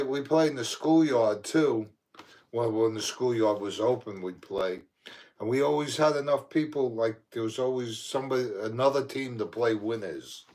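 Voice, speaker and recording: Laid-back man. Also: mid-range voice. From New York. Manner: relaxed storytelling, laid-back. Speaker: co-host. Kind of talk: casual livestream chat.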